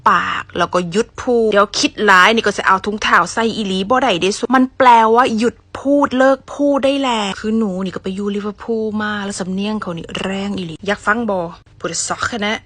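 A woman's voice: medium pitch, a little fast, few pauses, fairly bright tone, no echo. Playful Isan-accented woman teaching. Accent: Isan Thai. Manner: playful, chatty, slips into whispers for examples. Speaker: English teacher. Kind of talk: casual language lesson.

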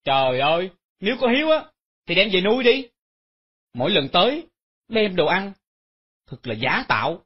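A woman voicing a spiteful daughter-in-law with a husky voice. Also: fairly low pitch, very animated, normal speed, pauses often. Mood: sneering. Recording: dull lo-fi sound.

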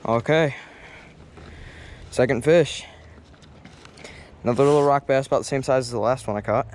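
Excited young man fishing a river. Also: mid-range voice, moderate pace, a little hiss or hum. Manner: excited, chatty, talks to fish while unhooking. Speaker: fishing vlogger. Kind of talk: casual fishing vlog commentary. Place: rocky riverbank outdoors. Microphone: head-mounted action camera.

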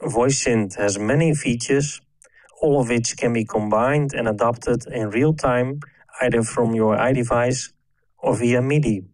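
A man narrating a software tutorial, calm and explanatory, with the odd filler. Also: mid-range voice, a little slow, in a large hall. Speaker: app tutorial presenter.

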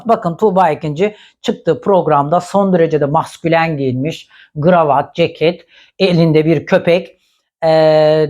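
A woman's voice: lowish voice, a little mellow. A woman commenting on celebrity gossip in a blunt, indignant, scolding way.

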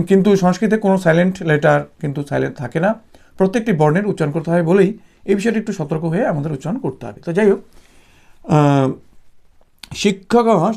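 Gravelly Bengali-speaking man teaching patiently. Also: high-pitched, dark tone. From West Bengal, India. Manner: patient, repetitive explaining with frequent "ah" fillers; slows to spell out Sanskrit examples syllable by syllable. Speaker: Sanskrit teacher. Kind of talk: exam-prep grammar lesson.

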